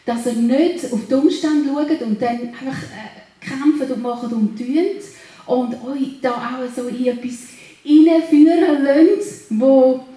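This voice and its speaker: A woman preacher, giving a sermon in an exhorting way and rising into loud declarations. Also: high voice, slow pace. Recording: very echoey room.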